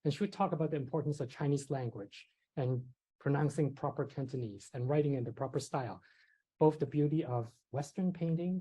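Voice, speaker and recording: This low-quality recording captures a middle-aged psychiatry professor from Hong Kong lecturing in a lecture hall, his mid-range voice dark and slightly rough. He relates personal stories in a conversational manner, using frequent fillers and light self-deprecating laughter.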